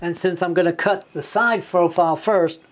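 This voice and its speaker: A man's voice: high-pitched, fairly even intonation, moderate pace, over music. A man in his fifties explaining a lure build step by step in a home workshop, thinking aloud as he goes. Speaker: lure maker demonstrating a build. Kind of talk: workshop tutorial.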